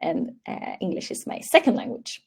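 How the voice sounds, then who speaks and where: This young Swedish presenter, speaking English as a second language with a Swedish accent, leads a live online training webinar via webcam call. Her tone is darkish and her pace moderate. She comes across as upbeat and friendly, reading out what the audience answered.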